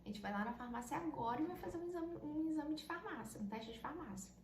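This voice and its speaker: A woman quoting a pushy, excited female friend who won't take no for an answer, her voice raised a little higher than her own. The sound is echoey, with a faint hiss behind it. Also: fast talker. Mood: insistent.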